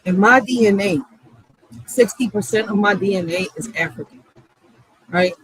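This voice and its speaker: A woman with a mid-range voice, a Puerto Rican host of her channel, delivers a heated, profane, casual monologue at a moderate pace. She's blunt and emphatic, leaning on street slang and repeating phrases for stress. The recording is low quality, with a bit of hiss or hum.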